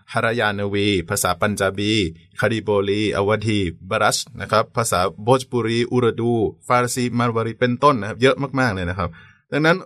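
A man co-hosting a podcast in a conversational lecture style, polite and quick to affirm. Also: on the low side, a bit bright, no room sound, clean studio sound. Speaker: podcast co-host.

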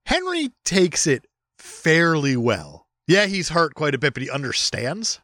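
A man co-hosting a podcast, chatting casually about a movie in an animated, jokey way with some swearing. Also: on the high side, a little slow, dry recording, studio quality. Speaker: podcast co-host.

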